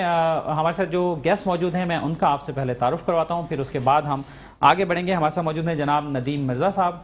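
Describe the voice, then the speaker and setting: A man hosting a TV talk show, leading a guest interview with measured, probing questions and thoughtful fillers. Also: fairly high pitch.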